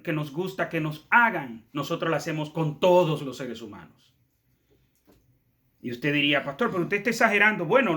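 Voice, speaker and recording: High-voiced, bright preaching pastor. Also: male voice. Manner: preaching with rhetorical questions and acted quotes. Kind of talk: sermon.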